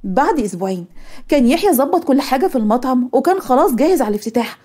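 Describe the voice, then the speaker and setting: A woman with an Egyptian accent narrating a cartoon story, brisk and matter-of-fact. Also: high voice, sing-song, warm tone, husky.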